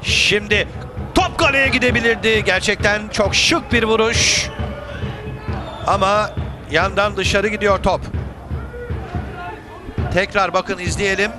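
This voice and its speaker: High-pitched male football commentator. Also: slow pace, pauses often, over music. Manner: calls players' names, excitable shouts at key moments. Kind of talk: live football match commentary.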